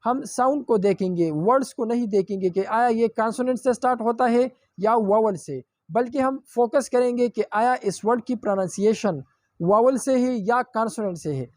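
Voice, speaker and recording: A man teaching an online grammar lecture, explaining step by step and repeating examples slowly, with English phrases mixed into his explanations. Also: extremely high pitch, darkish tone, dry recording, clean studio sound.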